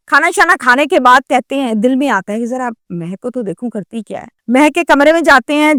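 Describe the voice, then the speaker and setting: A woman's voice: high voice, bright, forceful tone, dry recording, clean studio sound. A woman narrating a true story in a conversational storytelling way. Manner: conversational storytelling, sets up dialogue.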